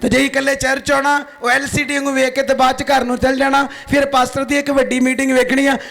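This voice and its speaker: High gravelly man preaching. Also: monotone, fast talker, a bit bright. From Punjab, India. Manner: fiery preaching, asks the crowd questions. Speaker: pastor. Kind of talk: sermon to a congregation.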